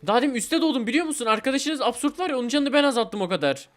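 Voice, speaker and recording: Excitable young man, fast high commentary. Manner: excitable, shouts and repeats words rapidly. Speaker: gaming YouTuber.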